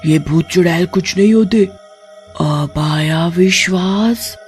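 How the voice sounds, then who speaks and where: A woman's voice: lowish voice, takes it slowly, faint music behind. A woman voicing a vengeful female witch spirit in a horror cartoon, speaking in an eerie hissing whisper. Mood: taunting.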